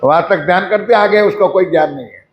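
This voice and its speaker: A man delivers a devotional sermon in a high voice. He asks his listeners questions directly and slows down to chant mantras. The sound rings around an echoey hall. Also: lo-fi sound, slight background noise. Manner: addresses the audience directly with questions. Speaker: preacher. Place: ashram hall.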